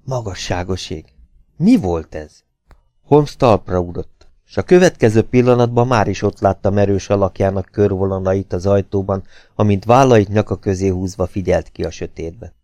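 A man narrating an audiobook in a measured, dramatic storytelling manner, close to the mic. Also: deep voice, dark tone, dry recording. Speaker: audiobook reader. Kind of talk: scripted narration.

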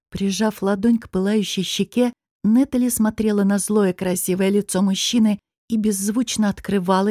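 A woman reads a fantasy novel aloud in an even, expressive storytelling voice. Her mid-pitched voice sits close to the mic in a dry, dead recording. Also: dry recording. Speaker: audiobook reader. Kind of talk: scripted fantasy narration.

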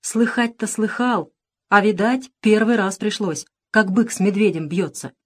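A woman's voice: medium pitch, measured pace, husky. A woman reading as a strict old peasant grandfather, curt and winded, storybook reading. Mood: stern, strained. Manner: stern, breathless commands. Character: grandfather Nikita, stern strained old peasant.

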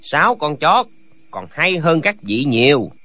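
A man voicing a gravely wounded young swordsman in a radio drama reading, speaking weakly in halting, broken phrases. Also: on the high side, sing-song, loud music behind the voice. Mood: faint. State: weak, gasping.

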